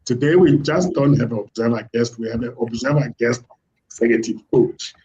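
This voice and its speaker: A man's voice: medium pitch, moderate pace, rough recording. A man hosting a live online interview, greeting guests effusively with many fillers. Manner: warm, effusive greetings, hesitant. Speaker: host. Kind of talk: casual interview.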